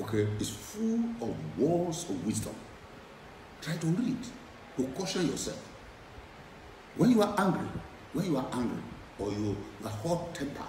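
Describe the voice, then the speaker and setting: A middle-aged man preaches with a very animated voice that climbs and falls, driving his points home by repeating them. He sits back from the microphone in an echoey room, with a faint hiss underneath. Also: mid-range voice, recorded from a distance. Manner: emphatic, repeats key phrases, lively rises and drops. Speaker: preacher and former lecturer. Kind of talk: sermon.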